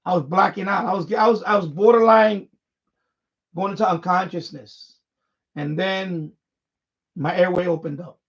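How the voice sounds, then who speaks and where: Over muffled lo-fi audio, a man hosting a live stream talks informally without a script. His voice is high, and he stumbles along, frequently repeating words and phrases.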